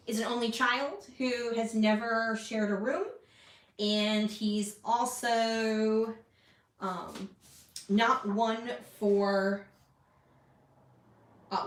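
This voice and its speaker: A woman's voice: on the high side, far from the mic, slight background noise. Chatty crafting vlogger, woman, rambling, self-deprecating, mic set back in an echoey room. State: hiccuping. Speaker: scrapbooking vlogger. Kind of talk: casual chat while crafting.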